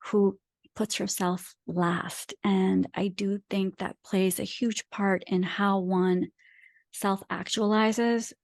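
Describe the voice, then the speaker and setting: This author, a woman from Pakistan who learned English as a second language, is a guest in a reflective interview and talks in an earnest, emphatic, philosophical way. Her voice sits at medium pitch with a level tone and vocal fry, and she takes it slowly. There is no echo.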